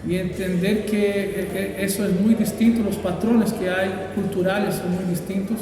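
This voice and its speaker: A pastor who grew up in Brazil, answering interview questions in a thoughtful, hesitant way with many fillers. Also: male voice, high-pitched, little pitch movement, normal speed, very echoey, in a large hall, distant mic, crowd noise, rough recording.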